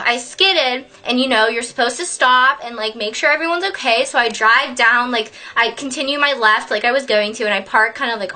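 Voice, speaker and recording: A young woman telling a story on her vlog, animated and sweary, laughing often. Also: fairly high pitch. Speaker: vlogger.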